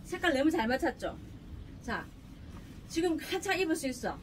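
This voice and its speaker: A middle-aged woman chats and jokes as she pushes her clothes. Her voice sits high and swoops up and down. She is recorded from a distance in her shop, with faint room noise behind her. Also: very animated, normal speed. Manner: chatty, joking, pushy seller. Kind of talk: casual sales pitch.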